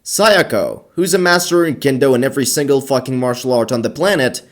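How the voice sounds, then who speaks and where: A man's voice: medium pitch, fairly quick, a little hiss or hum. A man giving a comedic voice-over recap of an anime, sarcastic and profane, often sounding exasperated.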